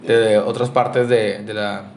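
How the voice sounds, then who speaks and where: A man's voice: fairly low pitch, little pitch movement, measured pace, a little mellow, slight background noise. Rambling northern Mexican man, echoey room. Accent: northern Mexican (Monterrey). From Nuevo León, Mexico. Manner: rambling, slangy, asks questions. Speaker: podcast co-host. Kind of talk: casual chat.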